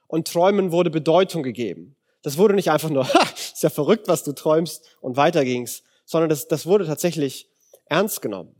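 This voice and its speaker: A young man preaches in a relaxed, slangy way, retelling an old story as if chatting with friends. His voice sits fairly high and he acts out the quoted lines with shifting tones. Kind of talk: casual youth sermon retelling a Bible story.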